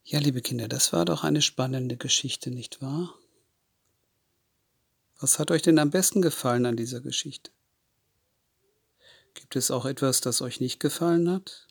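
A man tells a Bible story to children at an unhurried, deliberate pace. He keeps pausing to ask his young listeners questions. The recording is dry, with no room sound. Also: mid-range voice, vocal fry, slightly rough, no echo.

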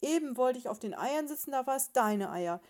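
A woman's voice: mid-range voice, measured pace, lightly acted. Herr Lups, a woman doing a blustering male sparrow. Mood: shouting. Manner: loud, indignant, blustering. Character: indignant male sparrow husband, huffy and pompous.

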